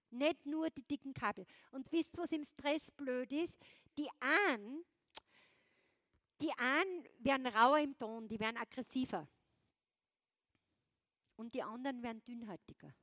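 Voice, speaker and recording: A woman giving a lively motivational talk on stage, often checking in with her audience. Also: high voice, measured pace, long pauses, no echo. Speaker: motivational speaker. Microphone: wireless clip-on transmitter.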